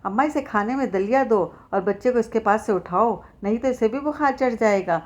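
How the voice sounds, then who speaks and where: A woman's voice: on the high side, fairly quick, natural voice. A woman reading the part of a stern young man who brusquely gives orders and scolds at home. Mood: instructing. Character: stern young village man, doctoring his wife.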